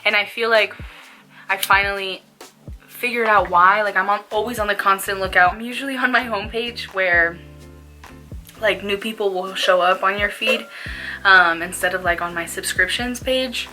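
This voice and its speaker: Young female vlogger, bright voice, slangy laid-back stoner chat, music underneath. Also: medium pitch, normal speed. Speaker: small YouTube vlogger. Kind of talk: casual smoke-along chat to camera.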